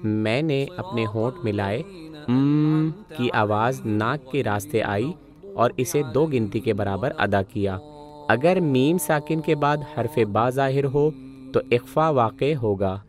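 A man gives a recitation lesson in a calm, measured, explanatory voice. His pitch sits in an ordinary middle range, and he walks through each rule step by step. Faint music plays softly behind him. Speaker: Quran recitation teacher.

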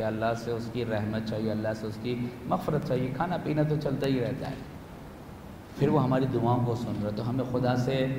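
A man preaching to a gathering, animated, acting out little scenes and asking the audience questions, rising loud and dropping soft. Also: mid-range voice. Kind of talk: religious talk to young people at a retreat. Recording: echoey hall with faint room noise.

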